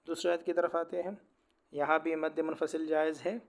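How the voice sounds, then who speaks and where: A man teaching Quran recitation, spelling out letters and vowels, who explains quickly and then recites slowly and drawn out. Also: on the high side, little pitch movement. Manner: rapid explanations alternating with slow, drawn-out recitation. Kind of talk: tajweed lesson, spelling out letters.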